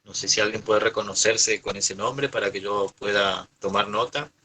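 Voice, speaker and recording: A man's voice: fairly low pitch, fairly even intonation, moderate pace, sharp tone, breathy edge, poor audio. A middle-aged man with an Argentine accent teaching a grammar lesson, patiently repeating points and checking in with his class. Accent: Argentine Spanish. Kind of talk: online class explanation.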